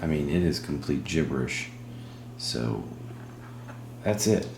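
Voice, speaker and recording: A man hosting a spirit box session, speaking in halting short phrases and putting questions to a spirit. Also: extremely low pitch, lively intonation, vocal fry. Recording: roomy echo with humming background noise.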